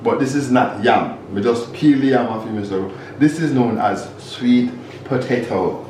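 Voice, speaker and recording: A man with a Jamaican accent hosting a relaxed cooking video, talking the viewer through each step and slipping into patois phrases. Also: medium pitch, a little slow, a little hiss or hum. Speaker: home cook and vlog host. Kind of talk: casual cooking demonstration. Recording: echoey kitchen with background music.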